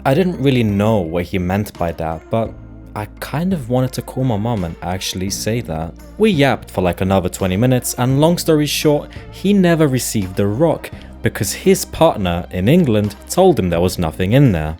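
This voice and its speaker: A young man telling a story in a casual vlog, chatty and wry with quick asides. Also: on the low side, sing-song, dark tone, faint music behind. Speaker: vlogger.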